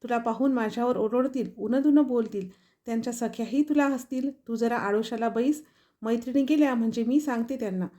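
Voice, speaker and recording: A woman's voice: fairly high pitch, a little fast, mellow, lightly acted. A woman voicing an anxious young palace maid in a devotional story. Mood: fretful. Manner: questioning, pleading.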